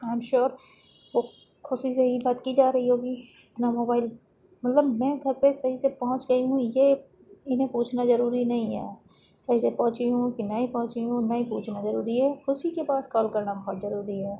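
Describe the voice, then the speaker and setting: A woman's voice: on the high side, little pitch movement, normal speed, mellow, lightly acted. A woman voicing a sleepy, sulky teenage schoolgirl who drags her words and pleads. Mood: annoyed. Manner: drowsy, pleading, later huffy. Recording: noisy background hiss.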